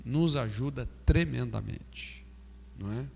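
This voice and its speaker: A man's voice: medium pitch, a little slow, creaky, darkish tone, big-room sound, slight background noise. A Brazilian man teaching a pastoral counseling class, asking "não é?" often and acting out example phrases. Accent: Brazilian Portuguese. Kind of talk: classroom lecture.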